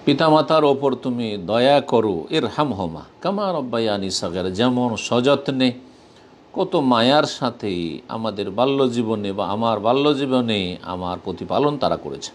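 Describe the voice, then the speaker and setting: A man preaching a sermon, reciting verses and explaining them slowly and with emphasis. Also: medium pitch, expressive, a little hiss or hum.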